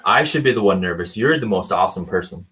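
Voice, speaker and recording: Laid-back low-voiced Canadian rocker. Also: male voice, animated, quick pace, sharp tone, slight background noise. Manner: laid-back, easygoing, many "uh" fillers. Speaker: band member guest. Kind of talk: casual interview chat.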